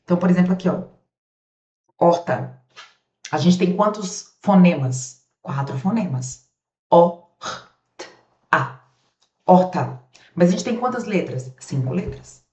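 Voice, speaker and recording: A woman's voice: fairly low pitch, animated, unhurried, long pauses, darkish tone. Brazilian woman teaching, roomy and distant. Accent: Brazilian Portuguese. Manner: demonstrates sounds aloud, asks rhetorical questions. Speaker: grammar teacher. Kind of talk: recorded class lesson. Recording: roomy, distant, dull sound.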